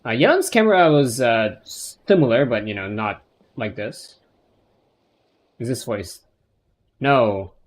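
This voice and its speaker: A man's voice: mid-range voice, expressive, slow pace, pauses often. A man doing casual live game commentary as a streamer, rambling and hesitant in an offhand way. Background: plucked guitar game music.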